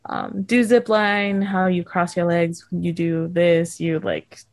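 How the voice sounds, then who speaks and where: An American woman co-hosting a podcast, telling a story in a chatty, animated way, full of "like" fillers and quoted exchanges. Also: lowish voice, takes it slowly, no echo. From United States. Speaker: podcast co-host. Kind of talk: casual storytelling chat.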